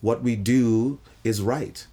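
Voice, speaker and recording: A middle-aged man from Trinidad who works as an actor and director, telling expressive stories in an interview and repeating words when he gets excited. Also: medium pitch, slow, slightly rough. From Trinidad, West Indies. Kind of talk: interview conversation.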